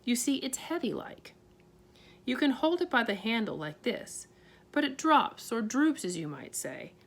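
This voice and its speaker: Pod, a woman voicing a tiny steady borrower father. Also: on the high side, measured pace, full character voice. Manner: homely ungrammatical talk, calm reassuring. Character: tiny borrower father, middle-aged, steady, plain-spoken.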